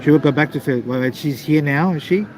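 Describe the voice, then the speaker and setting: A man casually chatting to live stream viewers in a halting, repetitive way. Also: fairly high pitch. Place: busy airport waiting area. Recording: noisy airport background ambience.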